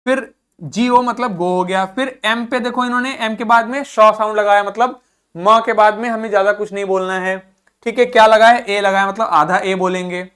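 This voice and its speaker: A male teacher giving a classroom lesson on English pronunciation, patiently repeating words slowly and stressing each syllable. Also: high-pitched, fairly bright tone, smooth. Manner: patient, checks understanding often.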